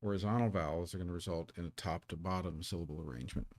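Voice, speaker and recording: A man with a low voice races through a live Korean lesson at his streaming desk. A native English speaker, he is casual and self-deprecating, repeating words as he sets up.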